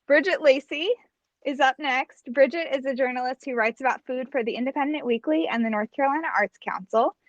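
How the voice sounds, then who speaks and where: A woman hosting an online book event, briskly reading guest introductions over a video call. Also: sits high, dry recording, dull audio. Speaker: bookstore event host.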